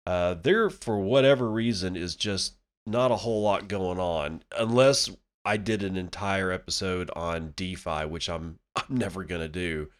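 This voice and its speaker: Low-voiced, irreverent man hosting a podcast. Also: a little slow. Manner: irreverent, blunt, sweary. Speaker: podcast host. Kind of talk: casual solo podcast commentary.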